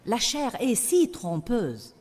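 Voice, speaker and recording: A woman's voice: on the high side, huge pitch swings, takes it slowly, darkish tone, husky, in a large hall. A woman preaching a sermon in a French voice-over, with emphatic, repetitive declarations.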